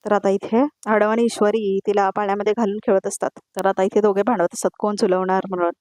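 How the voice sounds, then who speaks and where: A woman narrating a voice-over review of a TV serial episode, retelling scenes quickly and often addressing the viewers. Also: mid-range voice, little pitch movement, a little mellow, no echo, studio quality.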